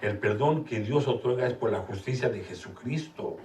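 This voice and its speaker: A man's voice: medium pitch, moderate pace, darkish tone, slight background noise. A man preaching a sermon as pastor, emphatic and often putting questions to his congregation during a church service. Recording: roomy, distant mic, faint ambience.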